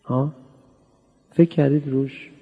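A man's voice: medium pitch, steady tone, slightly rough, narrow, tinny audio. A man giving a sermon in a hall, talking to the crowd in a chatty, playful way and often asking them questions. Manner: conversational, playful, asks the audience questions. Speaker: cleric giving a religious talk. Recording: hall reverb.

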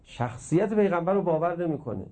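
A middle-aged man preaching a religious sermon, emphatic and impassioned, mixing teaching with stories and swinging between loud and hushed. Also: on the high side, expressive.

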